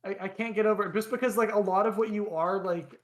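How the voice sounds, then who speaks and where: Talking fast in a high-pitched voice, this young podcast co-host animatedly tells stories in casual chat. He rambles, restarts often, and fills gaps with fillers.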